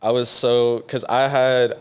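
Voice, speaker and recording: A young man from San Diego, USA, a music producer, talks slowly and smoothly in a mid-range voice during a casual interview. He's relaxed and rambling, leaning on "like" again and again.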